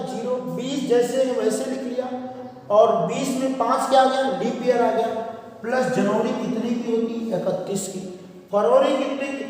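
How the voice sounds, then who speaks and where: A man's voice: very high voice, a little mellow. A man teaching a classroom math lesson, asking questions and answering them himself. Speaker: reasoning teacher. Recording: echoey room, voice far from the mic.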